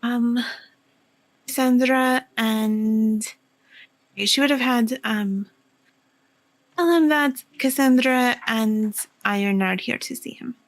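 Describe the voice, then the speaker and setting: A woman's voice: fairly high pitch, slow, pauses often, no room sound. Laconic woman playing a tabletop game. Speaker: player.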